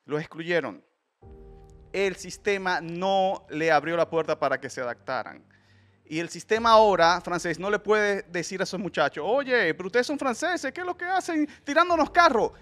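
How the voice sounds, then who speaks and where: A man's voice: sits high, animated, moderate pace, a bit bright, faint music behind. A man, hosting a heated panel debate in a studio and speaking emphatically. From Dominican Republic. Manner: emphatic, gestures a lot, interrupts to steer. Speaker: host. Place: dark studio. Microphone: desk mic on boom arm.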